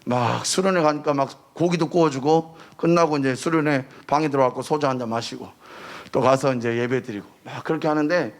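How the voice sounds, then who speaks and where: Speaking fairly quickly, a missionary preacher shares his testimony in a sermon for a youth service. His delivery is lively storytelling, complete with acted-out quoted voices, and it swells to emotional near-shouting at its peaks.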